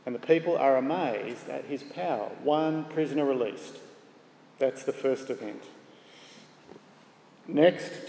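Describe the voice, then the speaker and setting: A man preaching a sermon in a measured way, asking the congregation rhetorical questions. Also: on the high side, warm tone. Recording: echoey hall with faint ambience.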